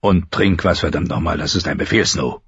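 A man voicing a gruff old male commander who growls his orders, in an audiobook reading. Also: extremely low pitch, brisk, a bit bright, no room sound, dull audio, heavily acted. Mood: stern.

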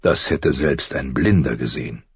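A man playing a gentle, grave noble father. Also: a bass voice, slightly rough, no echo, dull audio, pitched below the performer's own voice, full character voice. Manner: slow, soft, murmuring.

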